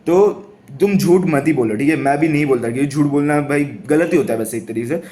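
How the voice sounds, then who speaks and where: A man's voice: on the high side, quick pace, dark tone. A young man giving casual dating advice to camera, rambling and laughing often, with lots of restarts and fillers.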